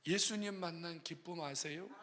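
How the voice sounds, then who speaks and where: A male pastor preaching a testimony sermon, telling his story dramatically, moving from hushed asides to loud shouts. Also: on the high side. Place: prayer house sanctuary. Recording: long hall reverb.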